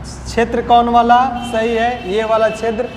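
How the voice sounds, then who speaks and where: High-voiced Hindi-accented teacher in an echoey hall. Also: male voice, monotone, a little mellow, a little hiss or hum. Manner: drills words by slow repetition and quizzing. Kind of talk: spelling lesson at a whiteboard. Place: coaching classroom.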